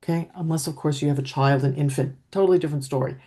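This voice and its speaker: Talking calmly to camera, a middle-aged emotional intelligence coach teaches about communication in a low voice. Her delivery is slow, steady and reflective, and she frequently checks in by asking "right?".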